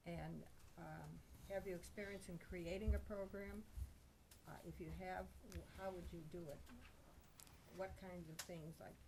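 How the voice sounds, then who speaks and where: A woman on a board asking a candidate questions at a public meeting, halting and searching for words. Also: on the low side, fairly even intonation, gravelly, background noise.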